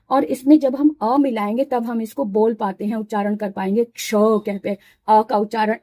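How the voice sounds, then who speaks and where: A woman's voice: mid-range voice, dark tone, no room sound. A woman teaching a Hindi spelling lesson, patiently explaining and repeating syllables aloud one by one.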